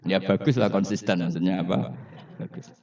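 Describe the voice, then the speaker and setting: A man's voice: deep voice, moderate pace, vocal fry, a little mellow. A man with a Javanese accent preaching a Quran study sermon, telling stories and putting questions to the audience. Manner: storytelling with questions to the audience and laughter. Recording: roomy, distant, dull hall recording.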